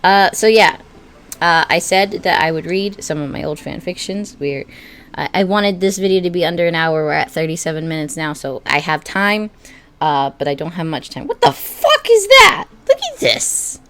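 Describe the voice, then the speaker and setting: A woman's voice: sits low, normal speed, a bit bright, clear, resonant tone. A young adult woman rambling through casual commentary, swearing freely and laughing as she talks. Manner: swears freely, laughs often, many fillers. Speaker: video creator.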